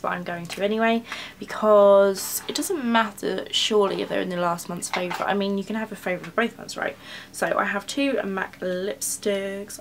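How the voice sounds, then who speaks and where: A woman's voice: mid-range voice, slight background noise. A twenty-year-old woman chatting casually and gushing as she reviews her favourite beauty products. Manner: bubbly, rambling and gushing. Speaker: beauty vlogger. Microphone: camera mic.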